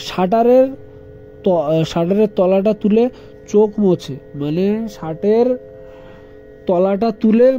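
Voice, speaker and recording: A man's voice: high-pitched, dark tone, dull audio. A man tutoring students, reading a story aloud and then repeating and explaining each line. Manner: reads a passage, then repeats and explains it, telling students to underline. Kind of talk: explaining a literature lesson to students.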